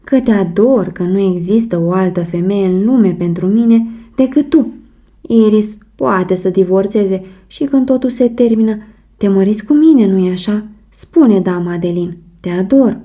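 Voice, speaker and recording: A woman's voice: medium pitch, warm tone, lightly acted. A woman doing an impulsive, lovestruck young husband. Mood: ardent. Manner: ardent, pleading. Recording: muffled audiobook recording.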